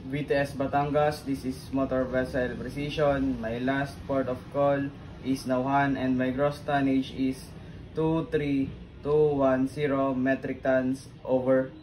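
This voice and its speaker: A man playing a ship's radio officer, speaking in measured, formal radio procedure. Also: mid-range voice, little pitch movement, a little mellow, lightly acted. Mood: formal, steady. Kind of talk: formal scripted maritime radio exchange. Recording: very noisy background ambience.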